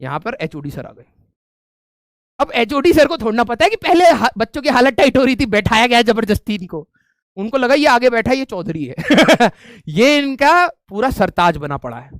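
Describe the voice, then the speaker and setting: A young man with a strikingly high voice tells his viewers a story at normal speed in a casual, animated streaming style, frequently dropping "ठीक है" between lines. The audio is dry and close, with no room echo.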